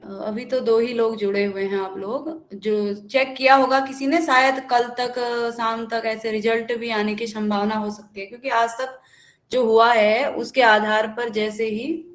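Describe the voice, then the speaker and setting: A woman with a fairly high voice leads a live online lesson. She explains step by step, pausing on fillers and asking herself rhetorical questions. Her voice rings a little in an echoey room. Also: flat delivery. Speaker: Sanskrit teacher.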